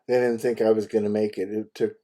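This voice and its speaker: An older man on the phone chats casually about his medical history, telling anecdotes in a blunt, salty manner and chuckling through his stories. He talks fast in a lowish, mellow voice with a flat delivery.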